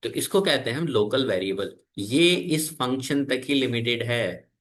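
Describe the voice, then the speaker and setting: A man teaches a programming lesson, pausing often to quiz his students and wait for them to answer. His voice sits at an ordinary middle pitch. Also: fairly bright tone. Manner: asks the class questions and waits for answers. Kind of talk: classroom coding lesson.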